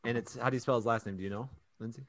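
A man's voice: mid-range voice, steady tone, very fast, no echo. A man hosting a casual podcast chat, rambling with frequent restarts. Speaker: podcast host.

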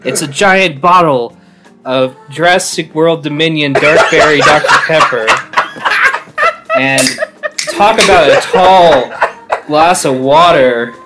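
Jokey podcast guest, lowish voice, laughs a lot, music clearly under. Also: female voice, slow pace. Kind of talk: casual podcast chat.

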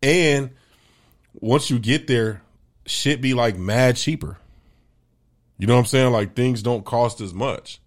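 A young man on a podcast, talking loose and full of slang. He is quick to crack jokes and keeps the chat relaxed, in an average-pitched voice. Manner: slangy, joking, puts on voices for laughs. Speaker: podcast co-host. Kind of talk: casual chat.

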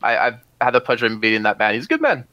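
A man's voice: medium pitch, wildly swooping pitch, racing, dry recording, dull audio. A man co-hosting a casual panel podcast, blunt and opinionated, arguing his points. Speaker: podcast co-host.

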